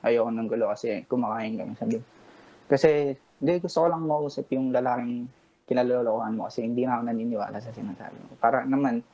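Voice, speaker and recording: A caller in his twenties from Pampanga, Philippines phones a late-night radio show and calmly, politely recounts a personal confrontation, quoting what others said. He speaks quickly at a medium pitch, and the recording is rough.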